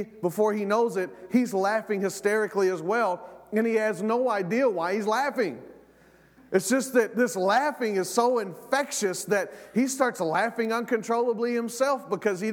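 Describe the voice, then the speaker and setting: Animated pastor preaching in a reverberant hall. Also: male voice, high-pitched. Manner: animated, repeats words and restarts, asks the crowd questions. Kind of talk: sermon with prayer and storytelling.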